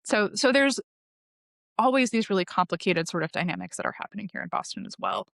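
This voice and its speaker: A woman's voice: mid-range voice, huge pitch swings, brisk, vocal fry, a bit bright, no echo, studio quality. A woman guest on a podcast, explaining her tour company in long, enthusiastic, informative answers. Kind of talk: podcast interview.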